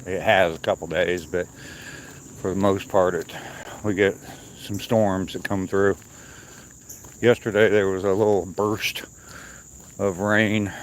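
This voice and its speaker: A man with a low voice is walking and talking on a trail in the woods. He chats casually to his stream in an unscripted way, pausing as he goes. Faint outdoor noise and insects sit behind him. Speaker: livestreamer on a morning walk. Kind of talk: casual chat to viewers.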